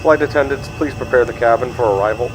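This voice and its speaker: A man's voice: mid-range voice, fast, noisy background, close to an everyday voice. A man playing a flight simulator game, putting on the formal voice of an airline captain making cabin announcements.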